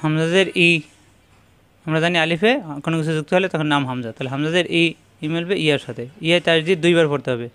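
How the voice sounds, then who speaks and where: A man teaching Quran pronunciation, sounding out each syllable slowly and methodically and now and then chanting a verse. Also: fairly high pitch, fairly bright tone, clean tone. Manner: breaks into slow chanted recitation. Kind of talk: tajweed pronunciation lesson.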